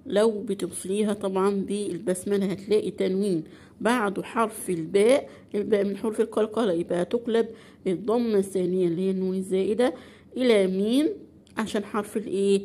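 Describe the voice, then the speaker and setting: A woman with an Egyptian accent teaching a beginner Quran recitation lesson, asking questions and answering them herself, and drawing out example words slowly. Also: mid-range voice, mellow. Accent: Egyptian Arabic.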